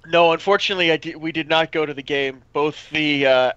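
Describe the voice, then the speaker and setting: A man's voice: a little high, fairly even intonation, fairly quick, fairly bright tone, smooth, no echo. Sarcastic American man, dull dry sound. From United States. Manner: sarcastic, mock-indignant. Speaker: podcast co-host. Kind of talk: casual podcast chat.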